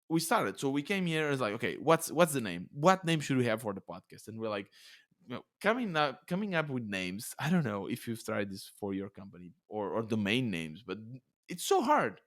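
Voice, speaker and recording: A man with a Portuguese accent hosting a solo podcast, talking in a chatty, excitable way with many restarts. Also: mid-range voice, normal speed. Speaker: podcast host. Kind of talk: casual solo podcast monologue. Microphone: podcast studio mic.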